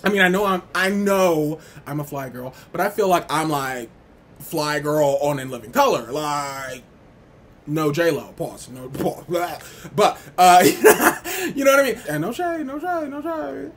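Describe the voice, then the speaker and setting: High husky man on a wild rant. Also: animated, a little slow, fairly bright tone. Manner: wild, over-the-top ranting with emphatic repetition; sassy, slangy, frequent swearing. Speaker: music reviewer. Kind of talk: unhinged casual rant ranking album tracks.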